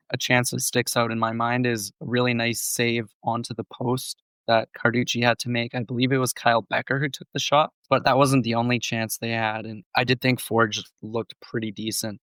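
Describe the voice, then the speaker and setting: The recording is low quality but has no echo, capturing a man's medium-pitched, fairly bright voice. He co-hosts a casual sports podcast, analyzing match plays in a measured, thoughtful manner while still recovering from a cold.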